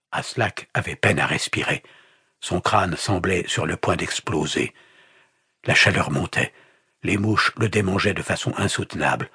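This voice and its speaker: A male audiobook narrator with a very low, gravelly voice, reading in a measured, grave way. His tone is strongly husky, and the close studio mic leaves it dry, with no room sound. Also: pushed and bright, no echo. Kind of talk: scripted narration.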